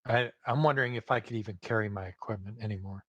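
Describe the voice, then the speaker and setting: A man's voice: fairly low pitch, fast, highs cut off. A man playing in a tabletop game, chatting casually and joking with the table. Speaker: player.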